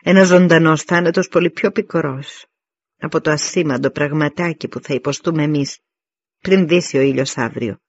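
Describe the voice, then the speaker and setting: A man's voice: a little high, slightly rough, no echo, highs cut off. A man reading the part of a stern veteran Spartan warrior in an audiobook, giving commanding speeches.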